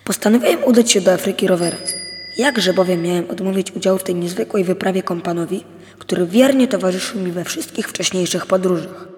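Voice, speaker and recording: A man narrating a first-person adventure story in a lively, expressive way. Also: sits high, a little fast, big-room sound.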